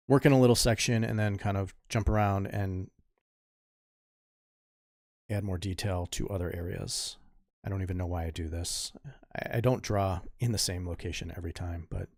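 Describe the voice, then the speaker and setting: A man's voice: low voice, steady tone, a little slow, pauses often, a little mellow, dry recording, studio quality. A man in his fifties, a comic artist chatting casually while he draws, rambling and correcting himself as he goes, muttering asides to himself. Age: 50s. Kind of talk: casual tutorial chat while drawing.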